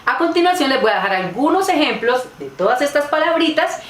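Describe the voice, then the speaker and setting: A woman's voice: high voice, very animated, a little fast. A woman teacher gives a patient, explanatory grammar lesson and works through spoken examples. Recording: echoey room with faint background noise.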